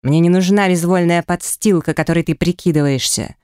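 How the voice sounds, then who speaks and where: A woman narrator puts on a dominant male beast shifter from a romance audiobook. He speaks slowly and commandingly with a mocking sneer. The voice stays smooth and is recorded close and dry. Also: lowish voice, warm tone, dry recording, lightly acted. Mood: harsh.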